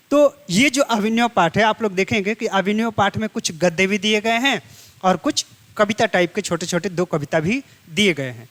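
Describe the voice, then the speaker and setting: A man's voice: high-pitched, fairly bright tone. A male teacher explaining a textbook chapter step by step in an exam-prep lesson, repeating key phrases to his students. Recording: long hall reverb.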